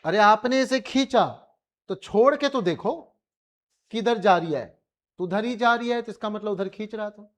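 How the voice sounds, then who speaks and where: A man's voice: high voice, normal speed. Coaxing Indian physics teacher, man. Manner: colloquial, coaxing students with repeated questions. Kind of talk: classroom revision lecture.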